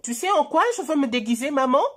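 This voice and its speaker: Storybook kid penguin, very high and bouncy, eager and a little whiny, played by a woman. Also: quick pace. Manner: high childlike voice, excited and pleading.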